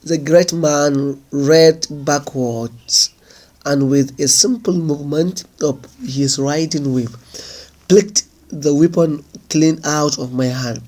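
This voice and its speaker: A man reading a folk tale aloud in a measured, unhurried storytelling manner. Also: on the high side, fairly even intonation, darkish tone. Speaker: narrator.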